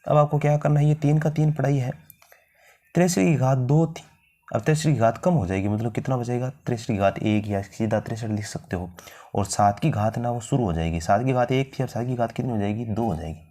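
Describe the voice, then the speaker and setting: Male tutor, warm low tone, rhetorical question-and-answer teaching style. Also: brisk. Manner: asks questions to the viewer and answers them himself. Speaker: math teacher. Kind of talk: step-by-step math lesson.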